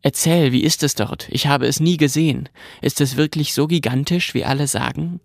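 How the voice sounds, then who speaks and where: A man's voice: a little high, moderate pace, vocal fry, dry recording, clean studio sound. A man reading aloud, voicing an impatient, curious little girl who talks in an eager, pleading way. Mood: wistful.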